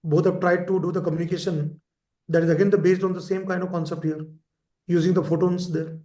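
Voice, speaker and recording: A man delivers an exam-prep lecture in a high voice. He repeats key terms and keeps checking in with his listeners. The recording carries a roomy echo. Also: little pitch movement, fairly quick, warm tone. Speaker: teacher. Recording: echoey room.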